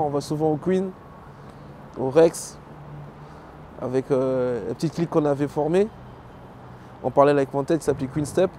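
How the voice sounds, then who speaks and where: A middle-aged professional dancer from Belgium, whose family is Congolese, casually tells his personal history in an interview. His voice is a little high, and he's relaxed, fills his speech with lots of fillers, and lists names. There's slight background noise.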